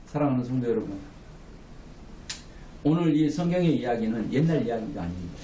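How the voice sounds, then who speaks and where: A man's voice: mid-range voice, expressive, fairly quick, mellow, distant mic, a little hiss or hum. A man preaching a sermon as pastor, with emphatic calls for amen, recorded from afar in a small room. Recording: echoey room, mic from afar.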